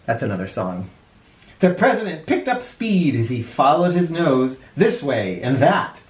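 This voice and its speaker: With a sing-song voice on the high side, a man hosts and reads a children's storybook aloud a little slowly, in a theatrical, playful style with animated narration and asides. A roomy echo colors the recording.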